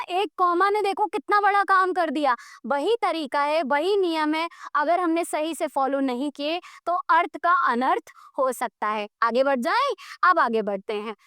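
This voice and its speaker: A woman teacher giving a grammar lesson, explaining slowly and mixing English words into her speech, often checking whether students follow. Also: high voice, a bit bright, no echo, clean studio sound. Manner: mixes English words into Hindi.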